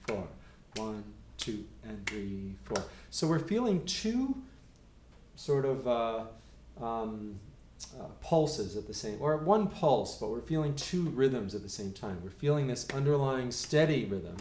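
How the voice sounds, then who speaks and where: A middle-aged man teaching a piano rhythm lesson, counting beats aloud in a calm, patient way. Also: on the low side. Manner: calm, patient, counts steadily and talks the class through exercises. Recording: echoey room with faint noise.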